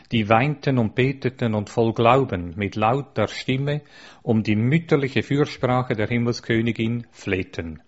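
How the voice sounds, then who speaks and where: Male narrator, lowish voice, earnest measured reading of a devotional text, dull lo-fi recording. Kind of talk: reading a religious account aloud.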